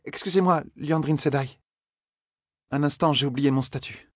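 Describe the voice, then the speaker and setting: A man's voice: on the high side, normal speed, no room sound, studio quality, pitched above the performer's own voice, lightly acted. Man voicing an eager young novice girl. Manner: eager, impulsive.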